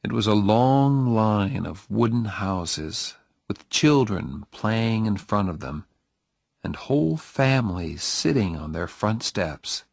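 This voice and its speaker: A man narrating an audiobook story in a slow, steady, deliberate reading. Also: fairly low pitch, gravelly, dry recording, studio quality.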